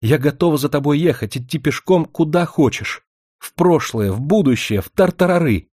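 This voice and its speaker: A man voicing a young secretary woman who speaks calmly and flippantly, then pleads in tears. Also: fairly high pitch, moderate pace, no room sound, studio quality, pitched above the performer's own voice. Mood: eager. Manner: calm and flippant at first, later pleading.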